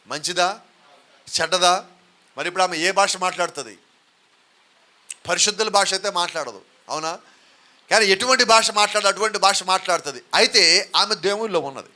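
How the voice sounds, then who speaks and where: A man's voice: high-pitched, sharp tone. A man with a Telugu accent preaching a sermon, often putting questions to the congregation and urging them to answer aloud.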